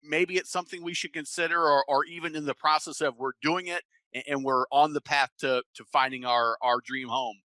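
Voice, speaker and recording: Host guy asking long rambly questions, lots of ums, brightish voice, dry sound. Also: fairly high pitch, steady tone, a little fast, few pauses, no echo. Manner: rambling, hesitant questions with many fillers. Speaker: interview host, boating coach. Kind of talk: casual interview questions.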